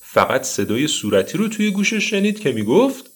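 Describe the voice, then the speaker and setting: A man's voice: fairly high pitch, sing-song, slightly rough. A man narrating a children's story expressively, with asides to the listeners.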